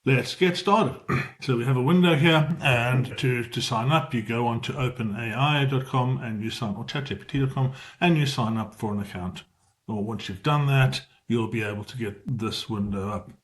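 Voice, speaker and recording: In a relaxed screen-share tutorial, a middle-aged man with a South African accent explains things informally, catching and correcting himself mid-stream. His voice is mid-range at a normal pace.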